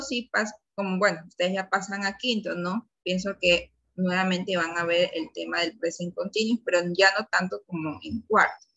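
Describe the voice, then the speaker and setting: Slow, patient Ecuadorian woman teacher. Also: medium pitch, a bit bright, lo-fi sound. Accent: Ecuadorian Spanish. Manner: slow, patient, drawn-out example sentences. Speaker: English teacher. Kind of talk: online class teaching grammar.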